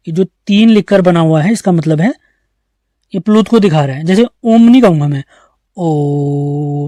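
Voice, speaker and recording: In a high-pitched, mellow voice, a male teacher leads an online grammar lesson aimed at exam preparation, speaking with an Uttarakhand Hindi accent. He breaks things down step by step and answers the questions he asks his class; the recording is dry and studio-clean.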